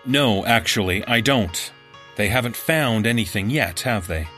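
For a horror story audiobook, a man with a lowish, animated, pushed and bright voice plays an earnest, stubborn teenage boy, a first-person character who goes from amateur sleuth to terrified. He speaks a little slowly, sounding stubborn and a bit grumpy, with faint music in the background.

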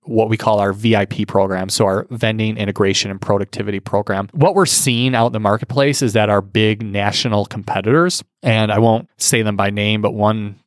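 A man's voice: on the low side, steady tone, brisk, few pauses, no room sound, studio quality. A man co-hosting a casual podcast and talking about his business in an earnest, rambling way. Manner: earnest, rambling, many restarts. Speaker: podcast co-host, business owner.

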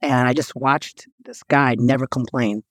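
A man's voice: medium pitch, fairly even intonation, measured pace, no echo, studio quality. A middle-aged man from New York, a guest on an interview, telling his story in an earnest, reflective way. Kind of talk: interview conversation.

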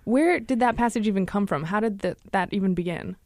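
A woman hosts a radio talk show, telling stories with chatty energy. Her voice sits at a middle pitch and is recorded close and dry in a studio. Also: a little fast, dry recording. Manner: chatty, animated storytelling.

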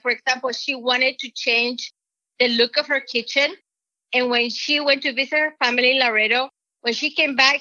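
An earnest woman with a Mexican accent gives a personal testimony, rambling and halting with frequent restarts. Her voice is high, bright and forceful, with no echo, though the lo-fi recording sounds dull.

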